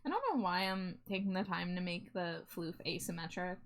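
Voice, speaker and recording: A woman's voice: fairly low pitch, steady tone, fairly quick, a bit bright. Cute, friendly woman art streamer chatting. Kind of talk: casual livestream chat, greeting viewers.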